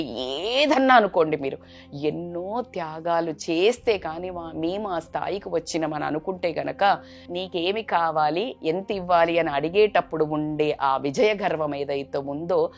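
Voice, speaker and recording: Earnest woman telling a moral story. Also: deep voice. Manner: earnest and expressive, shifting between loud and hushed. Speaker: vlogger. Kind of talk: storytelling to a listener.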